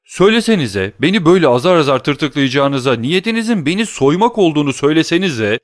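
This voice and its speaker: A man's voice: mid-range voice, lively intonation, fairly quick, no room sound, clean studio sound, pitched above the performer's own voice, lightly acted. A man voicing a desperate, greedy captive banker in an audiobook, pleading and agitated. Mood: exasperated.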